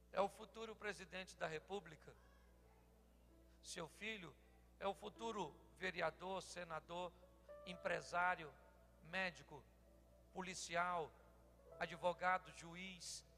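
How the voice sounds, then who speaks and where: A Brazilian man in his sixties, a pastor delivering a humorous sermon, telling animated stories and acting out dialogues. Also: high voice, slow pace, gravelly, pauses often, soft background music. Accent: Brazilian Portuguese. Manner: animated storytelling, acts out dialogues, bursts into shouting. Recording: long hall reverb.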